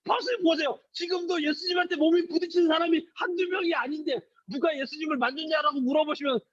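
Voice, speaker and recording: A man's voice: extremely high pitch, steady tone, fast, fairly bright tone, pitched above the performer's own voice. A man voicing a group of baffled male disciples protesting in a crowd, in a raised, exasperated tone, on a slightly dull lo-fi recording.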